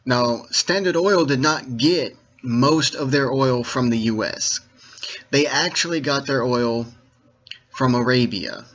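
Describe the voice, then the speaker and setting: Dull lo-fi recording of a man lecturing deliberately. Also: mid-range voice, a bit bright. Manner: didactic, checks that listeners follow. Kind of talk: informal monologue to viewers, lecturing. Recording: dull, lo-fi sound.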